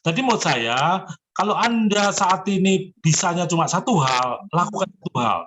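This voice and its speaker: A man's voice: high-pitched, lively intonation, moderate pace, fairly bright tone, a little hiss or hum. A man in his seventies giving personal zodiac readings on a call. He speaks in an encouraging, emphatic way and addresses the listener respectfully. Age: 70s. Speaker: zodiac fortune consultant.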